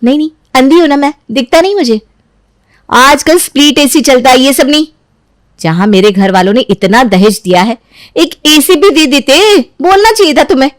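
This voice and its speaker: A woman voicing a spoiled, rude young bride who complains sarcastically in an animated family drama. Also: high voice, normal speed, no room sound, voice pushed up. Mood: sarcastic.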